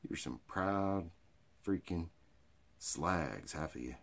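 An American man in middle age talks like a rowdy redneck, with a folksy hick drawl. His voice sits extremely low and is full of gravelly fry and rasp. He rambles crudely and off the cuff, as in a homemade sit-down comedy monologue. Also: animated, takes it slowly. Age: middle-aged. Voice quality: gravelly, raspy. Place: small cluttered indoor storage room or workshop. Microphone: phone or webcam at arm's length.

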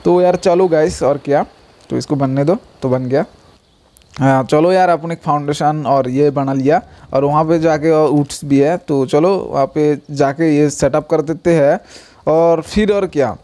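A man's voice: a little high, unhurried. Chatty young man narrating gameplay. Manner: chatty, rambling, talks to viewers as guys, reacts loudly to attacks. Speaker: gaming YouTuber. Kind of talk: casual gameplay commentary.

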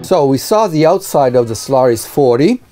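Mellow-voiced man hosting a boat tour. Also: medium pitch, animated, moderate pace, faint music behind. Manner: conversational, prompts and completes the guest's sentences. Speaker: sailing show host. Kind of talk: boat review interview. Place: aboard a sailboat, inside the cabin.

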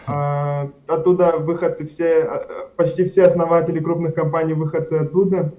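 A young adult man from Karachay-Cherkessia, Russia, answers casual interview questions as a studio guest over a webcam video call from home, in front of a plain wall. His voice is fairly high for a man, warm and level, at a moderate pace, and his rambling answers are full of fillers, restarts and self-corrections. The audio is muffled, dull and lo-fi.

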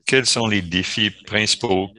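A man giving live voice-over interpretation of a panel discussion, halting at times and correcting himself. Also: on the low side, fairly even intonation, pushed and bright. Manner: halting, with self-corrections and fillers.

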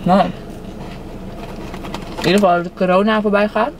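A woman's voice: mid-range voice, fairly even intonation, moderate pace. A young woman chatting casually with a child, chewing and eating as she talks. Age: young adult. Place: inside a parked car. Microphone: camera on the dashboard. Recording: clear background noise inside car.

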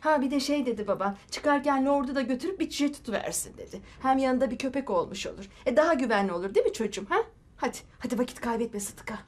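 A woman's voice: high voice, expressive, fast talker. An actress playing a fussy, scheming middle-aged mother in a sitcom, talking with theatrical exclamations. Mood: coaxing. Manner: theatrical, fussing, dramatic exclamations. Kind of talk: sitcom acting.

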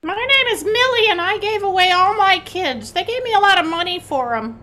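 Woman as a squeaky-high, brazen puppet mother. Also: expressive, normal speed, pushed and bright, full character voice. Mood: blithe, unashamed. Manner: blithe, unashamed. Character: brazen, carefree Brussels sprout mother puppet. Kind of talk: improvised puppet comedy.

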